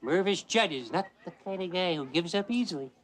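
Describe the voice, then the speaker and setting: A man's voice: high voice, lively intonation, fairly quick, a bit bright, slight background noise. An actor playing a pushy, flirtatious male store clerk in a TV comedy sketch. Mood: flirting. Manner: cocky, persistent come-ons with a goofy laugh.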